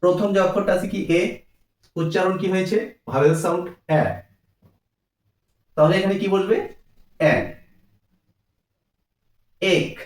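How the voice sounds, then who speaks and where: A man's voice: sits high, fairly even intonation, a little slow, pauses often, a little mellow, reverberant, distant mic. A man teaching a grammar lesson, asking questions and answering them himself.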